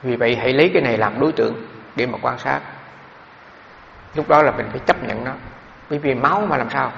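Fast and gravelly with a slightly bright edge, this middle-aged monk's mid-range voice carries a casual, story-driven dharma talk full of filler words. There's a faint hiss or hum, and the sound is echoey, dull, and lo-fi, as in a hall.

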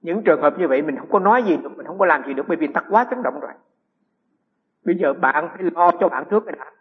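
A middle-aged Buddhist monk gives a dharma talk in a husky, fairly high voice. He tells anecdotes and keeps asking his audience rhetorical questions. The dull, lo-fi recording carries a long hall reverb. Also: expressive, rapid-fire.

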